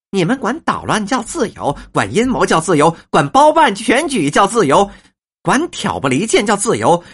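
A woman voicing a fierce, sharp-tongued older wife in a storybook reading, lecturing with scorn. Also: mid-range voice, slightly rough.

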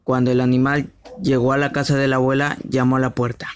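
Man, storyteller, fairy tale read aloud, measured, fairly flat pitch. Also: a little hiss or hum.

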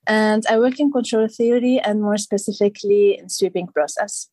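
A woman's voice: mid-range voice, moderate pace, mellow, dry recording, soft background music. A young woman from Lebanon, a guest on an interview podcast, explaining her studies thoughtfully with many fillers. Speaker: guest, PhD candidate. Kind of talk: casual interview.

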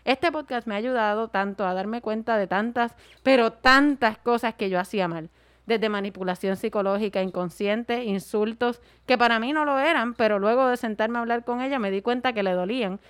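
A woman's voice: fairly high pitch, a little fast. A woman co-hosting a casual podcast, reading listener messages aloud and acting out the voices she quotes. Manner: animated, acts out quoted voices. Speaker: podcast co-host.

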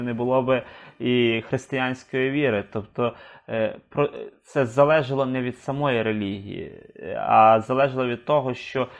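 A man in a conversation, building his points slowly with hesitant filler sounds. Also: mid-range voice, highs cut off. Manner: hesitant, many 'е' fillers while building arguments. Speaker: discussion partner. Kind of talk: conversational discussion.

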